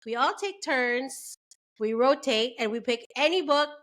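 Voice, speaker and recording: A young adult Canadian woman hosts a book club podcast, chatting loosely with lots of fillers and frequent laughter. Her voice sits high and fairly bright, with lively intonation and an unhurried pace.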